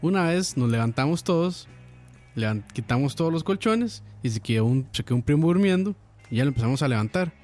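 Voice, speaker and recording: Costa Rican co-host, fairly high voice, easy storytelling, faint music bed. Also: male voice, a little fast. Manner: relaxed storyteller, sprinkles "mae". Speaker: podcast co-host. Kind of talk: casual chat, storytelling.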